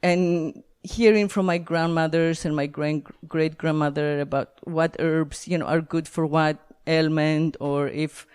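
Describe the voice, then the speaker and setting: A woman's voice: deep voice, steady tone, measured pace, hardly any pauses, a little mellow, smooth. A woman from Greece hosting a podcast interview, talking casually with many fillers and laughs. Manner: rambling, frequent fillers and laughs. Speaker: podcast host.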